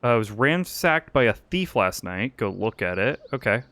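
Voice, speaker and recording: A man's voice: lowish voice, big pitch swings, normal speed, a bit bright, no echo. Jokey man co-hosting a game stream. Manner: joking, laughs often, bossy directions. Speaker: co-host of a gaming show. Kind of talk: casual gameplay commentary.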